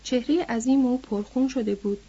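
A woman reading a novel aloud in a steady storytelling manner, on a dull lo-fi recording. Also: a little high, husky. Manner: steady storytelling, lifting her voice for quoted characters.

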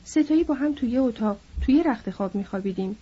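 A woman's voice: fairly high pitch, expressive, husky, muffled recording. A woman voicing a bitter, lonely older male stable hand who needles and then broods, in an audiobook. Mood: mournful.

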